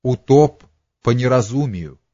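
A man voicing a gentle, solemn old monk elder who speaks quietly and tenderly. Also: mid-range voice, lively intonation, unhurried, no echo, dull audio.

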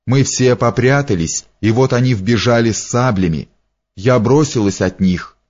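A man voicing a frightened young noblewoman who speaks quietly and pleadingly. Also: medium pitch, moderate pace, natural voice. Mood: grieving. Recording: dull lo-fi recording.

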